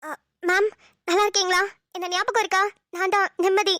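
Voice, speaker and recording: A woman's voice: very high voice, flat delivery, normal speed, a bit bright, no room sound, studio quality. Woman voicing a puzzled young woman. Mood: curious. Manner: questioning, bewildered.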